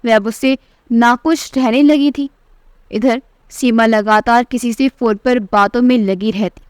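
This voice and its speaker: A woman narrating a scripted family story in an even, measured way. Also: fairly high pitch, smooth, dry recording.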